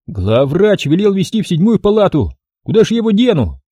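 Brief: male reader voicing a crude joking sidekick, raised pitch, loud, brash, dry booth sound. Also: very animated, a little fast, slightly rough, no echo, full character voice. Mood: mocking. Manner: mocking, cheeky, loud.

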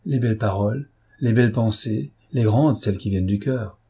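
A man reading an audiobook, voicing a quick-witted, mocking young woman in a raised, teasing tone. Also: lowish voice, dark tone, breathy edge.

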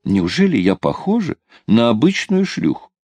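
A man's voice: mid-range voice, huge pitch swings, moderate pace, a little mellow, breathy edge, dry recording, voice pushed up. A man reading an audiobook, voicing a coy, stubborn young woman. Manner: hesitant, teasing.

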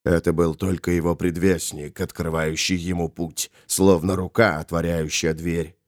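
A man voicing a sinister male heretic, speaking low and hushed with calm gloating menace. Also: normal speed, dry recording, studio quality, lightly acted. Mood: ominous. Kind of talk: audiobook character voice.

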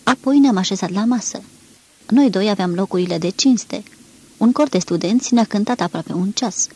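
A woman narrating a literary novel aloud in a measured, expressive reading, with a husky voice. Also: medium pitch. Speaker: audiobook reader.

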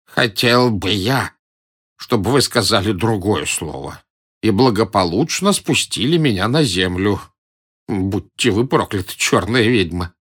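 A man's voice: medium pitch, sing-song, normal speed, fairly bright tone, pitched above the performer's own voice. A man playing a timid, pedantic elderly male professor in an audiobook, whining and indignant. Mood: fussy, whiny. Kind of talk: audiobook character voice.

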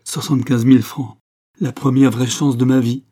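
An odd little old sharpshooter, frail and strange, drifting from dreamy murmurs into feverish excitement, as a storybook reader puts him on. The voice sits low, dark and husky, close to the reader's own. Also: male voice, unhurried. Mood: exultant. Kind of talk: audiobook character voice.

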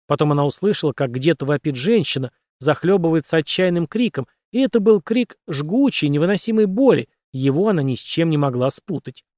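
Expressive male audiobook narrator. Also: a little high, a little fast, hardly any pauses, no echo, studio quality. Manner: expressive storytelling reading. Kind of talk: scripted narration.

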